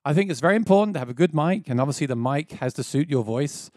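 Speaking fast and expressively in a darkish tone, a thirty-something man runs a casual, enthusiastic step-by-step tutorial on music gear. He says his voice is quite low; a boom-mounted dynamic mic sits close to his face in his small home studio, and there's no echo.

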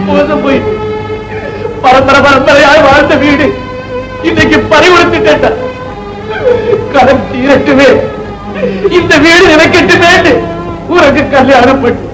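A man's voice: very high-pitched, reverberant, low-quality recording. An actor playing an aging father ruined by debt, pleading and lamenting in old film style. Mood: grief-stricken. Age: older. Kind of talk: 1960s film acting. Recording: old film soundtrack with music.

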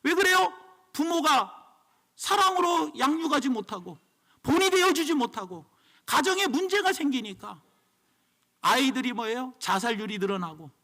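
A pastor preaching with emphatic, storytelling force. His voice sits unusually high for a man and moves in a lively way, with a bright, forceful edge. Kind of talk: sermon.

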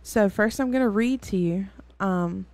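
Chatty, mellow-voiced woman teaching scripture. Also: mid-range voice, measured pace, dry recording. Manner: chatty and rambling, with many fillers and self-corrections. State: weary. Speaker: host and Bible teacher. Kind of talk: casual Bible teaching.

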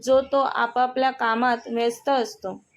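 A woman's voice: fairly high pitch, level tone, measured pace. A woman voicing a stern young husband grumbling in his thoughts. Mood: irritated. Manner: irritated, grumbling inner thoughts. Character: stern young husband, irritated, thinking to himself.

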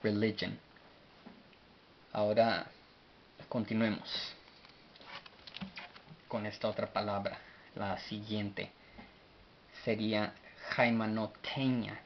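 Man, low voice, very slow, deliberate letter-by-letter teaching; dull lo-fi recording with faint hiss. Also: little pitch movement. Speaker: language teacher. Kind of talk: slow spelled-out language lesson.

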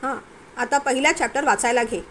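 A woman's voice: sits high, fairly quick, slight background noise, natural voice. A woman voicing a stern young husband who scolds and mocks his wife while tutoring her. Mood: scolding. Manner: scolding, impatient, mocking.

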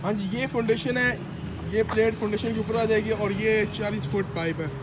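Young vlogger man with a high voice. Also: steady tone, brisk. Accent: Punjabi-influenced Urdu. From Pakistan. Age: young adult. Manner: chatty, explaining to viewers. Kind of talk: casual vlog walkthrough. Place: rooftop construction site outdoors. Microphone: phone camera held at arm's length. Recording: noisy outdoor phone recording.

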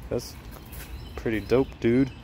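A man's voice: mid-range voice, steady tone, takes it slowly. A man chatting casually to viewers as a family vlogger, recorded outdoors at a campground. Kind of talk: casual vlog chat. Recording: noisy outdoor camcorder-style recording.

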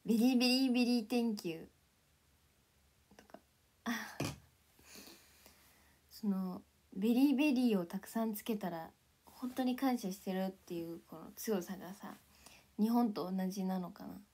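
A young woman talking to her viewers in a relaxed livestream, taking her time over every phrase. Her voice sits at an ordinary middle pitch, and she giggles often, drifting now and then into a soft whisper. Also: measured pace, pauses often, husky. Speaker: idol livestreamer. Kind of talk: casual livestream chat.

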